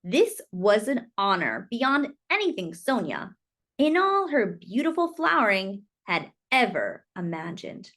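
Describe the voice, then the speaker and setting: With a medium-pitched, slightly bright voice, a woman performs a children's picture book, her pitch moving widely. Her delivery is dramatic and deliberate, leaning on long, drawn-out emphasis.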